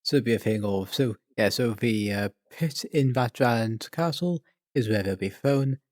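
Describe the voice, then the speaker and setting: A man in a casual online voice chat for a roleplay, thinking aloud with lots of pauses and fillers. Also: mid-range voice, darkish tone, no room sound. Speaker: roleplay participant.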